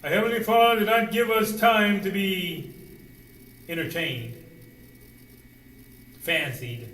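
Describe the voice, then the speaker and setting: A man preaching a sermon, asking rhetorical questions and dropping suddenly to a quiet voice. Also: high voice, slow pace, recorded from a distance. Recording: roomy echo, voice away from the mic, faint ambience.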